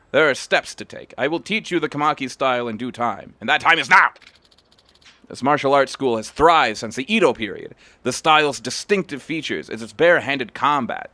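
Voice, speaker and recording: A man's voice: mid-range voice, big pitch swings, moderate pace, sharp tone, no echo. A man voicing a stern old male martial arts master, reading game dialogue in a formal, declaiming way. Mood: lofty.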